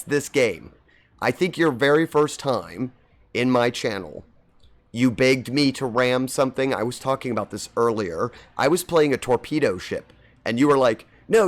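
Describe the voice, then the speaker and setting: A man streaming a game and chatting casually with viewers, his voice slightly scratchy from seasonal allergies. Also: medium pitch. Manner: rambling, friendly, greets chat by name. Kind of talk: casual chat while gaming.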